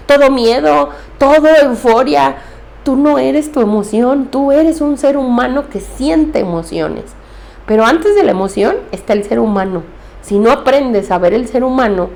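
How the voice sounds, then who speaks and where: A woman's voice: mid-range voice, gravelly, darkish tone. A woman therapist, giving earnest, direct advice on handling emotions.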